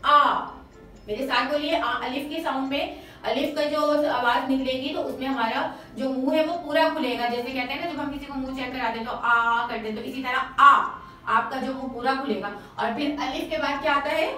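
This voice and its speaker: A woman teacher gives a children's lesson, patiently repeating each sound loudly for pupils to copy. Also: high-pitched, fairly even intonation, normal speed. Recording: very echoey room, distant mic, faint music.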